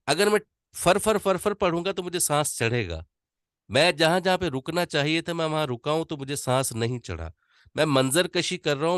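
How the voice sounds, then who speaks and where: A man teaching an online voice-over class, demonstrating slow readings with deliberate pauses. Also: fairly high pitch, smooth, no echo, clean studio sound.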